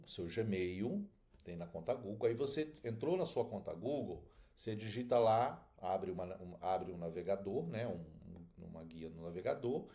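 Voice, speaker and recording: A man's voice: mid-range voice, mellow. A man, teaching a screen-share tutorial in an informal, chatty way and checking in with viewers often. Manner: informal, addresses viewers directly, frequent filler checks.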